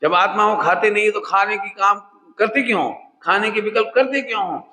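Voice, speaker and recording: A man's voice: high voice, normal speed, sharp tone. Man giving a spiritual discourse in an echoey hall. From India. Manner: asks the audience questions and repeats points. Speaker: Jain scholar giving a discourse. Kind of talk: religious discourse.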